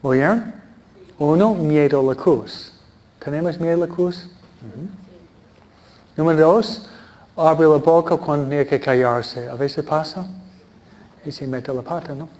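A man's voice: on the high side, a little slow, long pauses, a little mellow, lo-fi sound. A man preaching a sermon in a conversational way, often asking his listeners questions. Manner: conversational, asks the audience questions.

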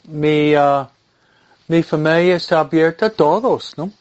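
Slow-speaking male priest with English-accented Spanish. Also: on the high side, a little mellow, clear, resonant tone, highs cut off. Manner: deliberate, halting delivery with repeated phrases. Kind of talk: informal religious talk and blessing.

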